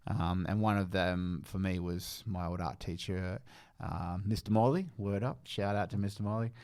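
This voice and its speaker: Aussie male co-host, lowish clear voice, loose easygoing reminiscing. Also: steady tone, normal speed. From Tasmania, Australia. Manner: warm-hearted, rambling with fillers and restarts. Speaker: podcast co-host. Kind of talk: casual nostalgic chat. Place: public library.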